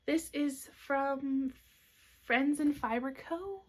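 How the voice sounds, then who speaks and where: With a high-pitched voice and drawn-out words, a young woman presents her knitwear on her podcast in relaxed show-and-tell fashion. She's upbeat and talkative, murmurs soft asides, and can't shake her hiccups.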